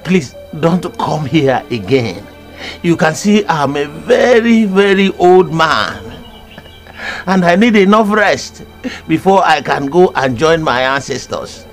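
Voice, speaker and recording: A man's voice: on the high side, animated, takes it slowly, faint music behind. An actor playing a cunning, irritable very old village man with a Nigerian accent in a film. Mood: indignant, pleading. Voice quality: very old man's voice.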